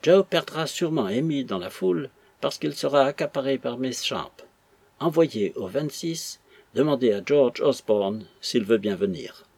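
A man reading aloud and voicing an older, jovial father who mocks his son in a loud, teasing way. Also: medium pitch, lively intonation, unhurried, vocal fry, breathy edge, no echo, heavily acted. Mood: mocking.

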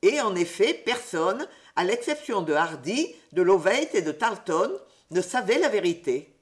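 A woman reading a storybook aloud in an expressive, animated way. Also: medium pitch, moderate pace.

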